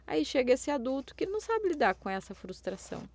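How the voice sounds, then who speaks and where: A woman's voice: sits high, very animated, brisk, darkish tone. A Brazilian woman co-hosting a parenting podcast, explaining in a casual way with frequent tag questions. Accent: Brazilian Portuguese. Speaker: podcast co-host.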